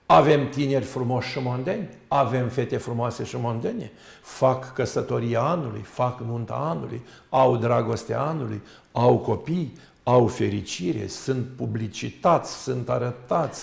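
Gravelly-voiced monk telling stories. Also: male voice, medium pitch, darkish tone. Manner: emphatic, lists things in long runs. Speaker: monk, guest. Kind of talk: storytelling talk-show sermon. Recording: roomy echo.

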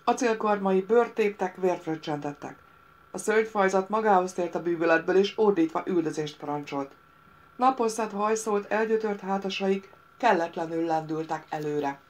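A woman reading a fantasy audiobook in a steady, measured manner. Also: medium pitch. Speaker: audiobook reader. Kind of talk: audiobook narration.

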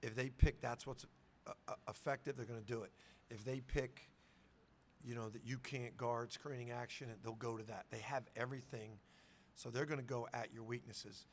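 Middle-aged coach guy at a presser, gravelly voice, keeps restarting his sentences, faint hiss on the mic. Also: medium pitch, steady tone, moderate pace. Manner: conversational, repeats words when starting sentences. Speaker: head basketball coach. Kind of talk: post-game press conference answers. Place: press conference room with sponsor backdrop. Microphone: table mic.

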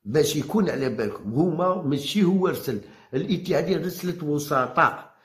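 A man with an Algerian Arabic accent rattles off a combative monologue at a rapid clip, hammering the same phrases as he challenges his viewers. His voice sits a little high for a man, and the room around him rings with a noticeable echo. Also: expressive. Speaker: football commentator vlogger.

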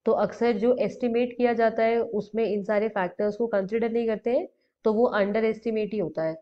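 A young woman teaching economics in Hindi-English mix, explaining step by step over a diagram. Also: medium pitch. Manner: explanatory, mixes English terms into Hindi, pauses to check. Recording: dull lo-fi recording.

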